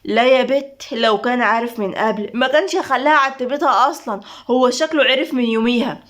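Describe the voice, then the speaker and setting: A woman's voice: on the high side, a little fast, a bit bright, close to an everyday voice. A woman reading the part of a blunt, protective middle-aged Egyptian mother in a spoken story, with an Egyptian accent. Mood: motherly. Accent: Egyptian Arabic.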